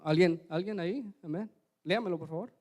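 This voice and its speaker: A man preaching a sermon in a church, telling a personal story in a conversational way, often asking the brethren to agree and swinging from loud emphasis to quiet asides. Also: high-pitched, a little fast. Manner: conversational, keeps asking ¿verdad? and addressing the brethren.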